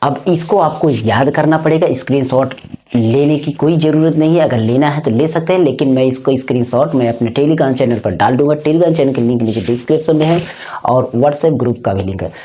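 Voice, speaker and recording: A man's voice: medium pitch, dark tone, a little hiss or hum. A man teaching as a channel host, explaining step by step, repeating points and often checking that students follow. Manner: repetitive, often checks understanding; spells letters out slowly. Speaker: English teacher.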